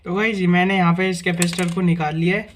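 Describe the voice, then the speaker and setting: High-voiced man explaining a repair. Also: fairly even intonation, fast, slight background noise. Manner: explains step by step, often adds "guys" and "theek hai na". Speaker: repair tutorial host. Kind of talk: casual hands-on repair demonstration.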